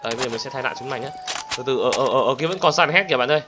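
A young man commentating a game, excitable and talking straight to viewers, bursting into panicked shouts. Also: medium pitch, very fast, very noisy. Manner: talks to viewers directly. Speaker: gaming channel host. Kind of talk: let's play commentary. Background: loud game music.

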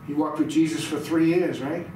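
With a slightly high, mellow voice, a middle-aged male pastor preaches in a small indoor church room, reading scripture aloud and quizzing listeners. He keeps a steady tone and moderate pace. The noisy capture comes from afar, full of room echo.

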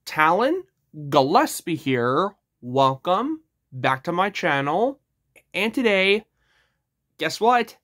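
A man's voice: high voice, very animated, slow, long pauses, fairly bright tone. A man casually reviewing a DVD for his channel, chatty and eager as he points out what he is showing.

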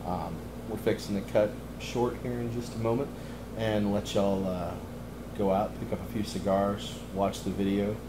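Middle-aged man, low voice, easygoing cigar chat, roomy lounge, steady background hum. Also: moderate pace. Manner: relaxed, easygoing, many ums. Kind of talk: casual cigar review chat. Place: cigar lounge, indoors, leather chairs.

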